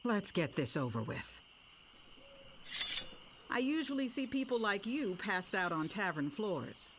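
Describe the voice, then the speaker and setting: A woman voicing a haughty, sharp-tongued female sword master in a video game, cool and cutting. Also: medium pitch, big pitch swings, measured pace, background noise. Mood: disdainful.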